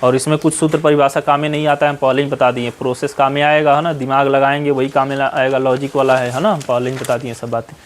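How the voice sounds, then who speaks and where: A man's voice: mid-range voice, little pitch movement, fast talker, few pauses. A man with a Bihari Hindi accent teaching mathematics in a classroom, advising students at length and tagging his sentences with "है ना?". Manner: scolding, advising, with frequent "है ना?" tag questions. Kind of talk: classroom lecture. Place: classroom with whiteboard.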